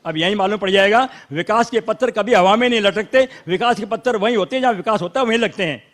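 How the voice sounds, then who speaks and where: High-voiced insistent Haryanvi man. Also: fast, fairly bright tone. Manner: insistent, argumentative, interrupts to defend his side. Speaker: local supporter of the minister on a debate panel. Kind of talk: heated panel debate.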